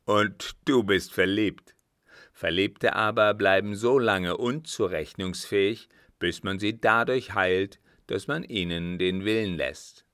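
A man voicing a cold, calculating former guard captain in an audiobook, speaking louder and more forcefully than in his narration. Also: lowish voice, slow pace, no echo, clean studio sound. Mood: scheming. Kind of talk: audiobook reading.

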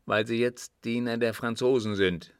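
A man voicing a cold, guarded older desert sheik in an audiobook reading, with a measured, cool delivery. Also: medium pitch, steady tone, clean tone, no room sound, studio quality, lightly acted.

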